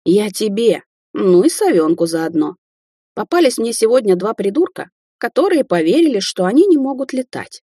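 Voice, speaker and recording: A woman voicing a tiny ancient grumpy old woman of the forest, with a dry grating voice and a scolding, sharp-tongued manner. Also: medium pitch, sing-song, moderate pace, slightly rough, no echo, pitched above the performer's own voice. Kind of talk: audiobook character reading.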